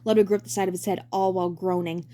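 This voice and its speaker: A woman's voice: on the low side, level tone, fast, warm tone. A woman narrating a fan story as a dramatic reading.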